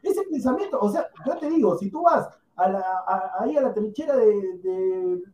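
A Peruvian man co-hosting a football podcast, arguing in an excited, mocking way. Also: sits high, moderate pace, echoey room, noisy background. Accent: Peruvian Spanish. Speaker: podcast co-host. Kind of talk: heated football debate.

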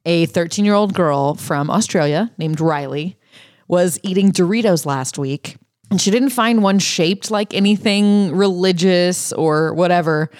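A woman co-hosting a casual podcast chat, telling stories in a chatty, animated way. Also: on the low side, measured pace, no room sound, clean studio sound. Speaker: podcast co-host.

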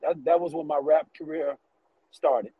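A man's voice: a little high, moderate pace, creaky, phone-quality sound, slight background noise. A man being interviewed as a rapper, talking in a laid-back casual way.

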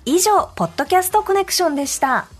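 Woman host, slight tochigi accent, very high animated voice, polite bright chat, faint music behind. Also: quick pace. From Tochigi, Japan. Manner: polite, bright, eager interjections. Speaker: podcast host. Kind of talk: casual chat and program announcement.

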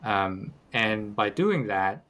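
A man's voice: fairly low pitch, animated, slow, a bit bright. A middle-aged Dutch man with a Dutch accent, speaking as a researcher and book editor in an academic interview, hesitant with many fillers and restarts. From Netherlands.

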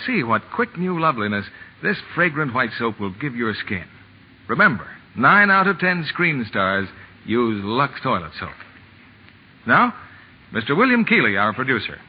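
A male radio announcer delivers a 1940s-style scripted pitch. His voice is very raspy and swings widely in pitch. The old recording rings with long reverb. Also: muffled recording.

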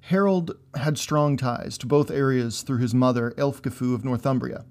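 A man narrates history for a podcast, scripted but loose and conversational. He drops dry, wry asides as he goes. His voice sits at an ordinary middle pitch. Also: moderate pace, darkish tone.

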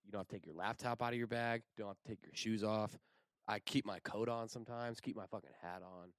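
A young man with a fairly low, smooth voice, recorded close and dry. He chats casually with friends, telling stories in loose slang and swearing as he goes. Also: fast, no room sound. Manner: profane, slangy, animated storytelling. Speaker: screenwriter. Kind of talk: casual chat among friends.

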